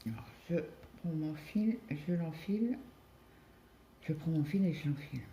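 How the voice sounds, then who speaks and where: A middle-aged woman from France talks casually as she stitches, her voice dark and mellow. She rambles through a story with many fillers and quoted back-and-forth. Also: low voice, lively intonation, a little slow, slight background noise. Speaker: crafting vlogger. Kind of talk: casual chat while cross-stitching.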